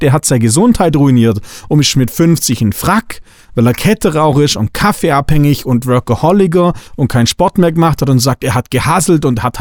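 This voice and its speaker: A man's voice: on the high side, a little mellow, no room sound, studio quality. A middle-aged man from Swabia hosting a coaching podcast, talking bluntly and emphatically, hammering his points home. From Swabia, Germany. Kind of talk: spiritual coaching podcast monologue.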